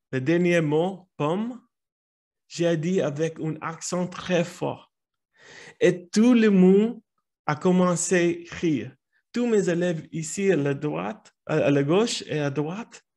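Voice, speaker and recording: A man who grew up in the United States with Italian as his first language, telling a personal story in French with an American English accent, halting and often restarting his phrases. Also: high voice, darkish tone. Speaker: speaker at a language club meeting.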